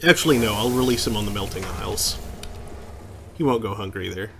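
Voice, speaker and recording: A man doing casual game commentary, reading text aloud and thinking out loud. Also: fairly low pitch, a little fast, creaky, background noise. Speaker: streamer playing and reading out a video game. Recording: music behind the voice.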